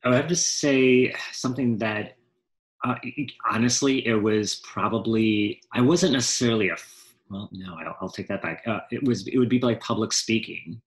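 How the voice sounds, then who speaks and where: Poor audio carries the lowish, moderately paced voice of a man in his forties, an actor appearing as a guest in a casual interview. He speaks from a home room on a video call through a headset mic, rambling with many asides and often fixing his words mid-sentence.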